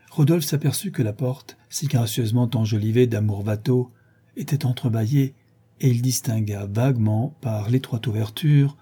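A man narrating a classic novel in a steady, even reading voice. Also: medium pitch, breathy edge. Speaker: audiobook narrator.

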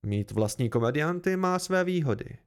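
A man voicing a stern, deliberate noble ruler in an amateur audiobook reading. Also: a little high, expressive. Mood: measured.

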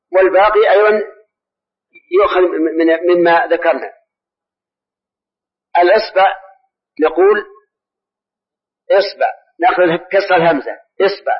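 A high-pitched man teaches a mosque lesson, drawing words out slowly and repeating them to his students. The old recording sounds dull and lo-fi. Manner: slow, deliberate, repeats words and quizzes listeners. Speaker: Islamic scholar answering questions. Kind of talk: mosque lesson, explaining grammar. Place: large mosque.

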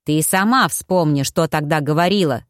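A woman's voice: deep voice, normal speed, no room sound, studio quality, lightly acted. A woman voicing a scheming male nobleman impostor who speaks in curt, scolding tones.

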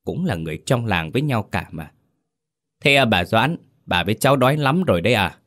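A man's voice: lowish voice, normal speed, close to an everyday voice. A man voicing a sly, icy chief's wife. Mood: sly mocking. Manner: soft but sharp and cold, mocking. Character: sly cold-hearted village chief's wife.

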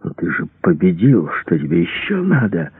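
A man's voice: deep voice, huge pitch swings, normal speed, gravelly, husky, dry recording, phone-quality sound, heavily acted. A man doing a frightened pleading enemy officer. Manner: trembling, desperate bargaining.

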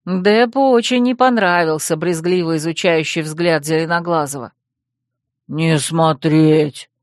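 An audiobook narrator reads in a measured, expressive manner, with a mid-range voice. The sound is dry and close, recorded on a studio mic. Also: medium pitch, no room sound.

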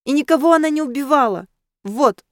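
A loud, tipsy schoolgirl who argues hotly and won't back down, as a woman reader puts her on. The voice is pushed up and forceful in a dry, close storybook reading. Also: sits high, animated, fairly quick, dry recording, pitched above the performer's own voice. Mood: indignant. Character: tipsy, hot-headed teenage girl dressed as ghost.

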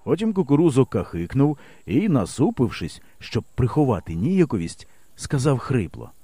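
A male audiobook narrator with a warm, mellow voice. His intonation rises and falls widely as he tells the story with expressive humor. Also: mid-range voice, moderate pace, slightly rough, dry recording. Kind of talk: scripted narration.

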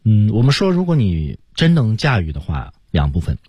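A male English pronunciation teacher giving measured, explanatory feedback in a radio lesson, with frequent fillers. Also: fairly low pitch, huge pitch swings, mellow, husky, no room sound.

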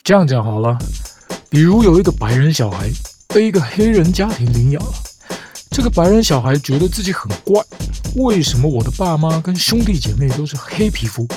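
A woman with a warm, low voice speaks fairly quickly in a sing-song way as host of a comic storytelling show. Over background music, she lectures from a script, argues her case, and finishes each point with a rhetorical question.

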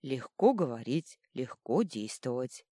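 A woman's voice: very deep voice, big pitch swings, unhurried, mellow, no echo, clean studio sound, heavily acted. A woman doing a grumbling old stone troll. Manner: grumbling, blunt. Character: gruff ancient male stone troll.

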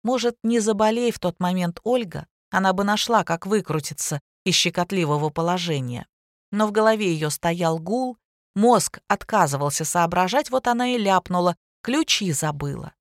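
A woman narrating a scripted story in a steady, even manner. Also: fairly low pitch, normal speed, no echo, studio quality.

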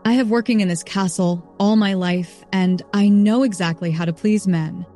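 A woman's voice: mid-range voice, fairly even intonation, moderate pace, mellow, faint music behind, lightly acted. A woman reading as a meek castle servant woman. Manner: meek, deferential. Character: young castle serving woman, meek and obedient.

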